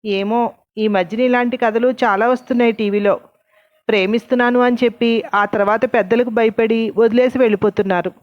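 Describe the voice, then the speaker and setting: A woman's voice: fairly high pitch, fairly even intonation, brisk, natural voice. A woman reading a hurt, doubting young woman. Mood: reproachful. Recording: dull lo-fi recording.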